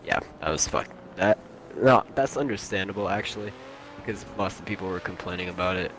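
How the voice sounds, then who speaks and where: A man's voice: low-pitched, a little fast, fairly bright tone, a little hiss or hum, rough recording. A man chatting on a friend's game stream, complaining with lots of fillers and the odd swear word. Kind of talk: casual gaming chat. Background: game music.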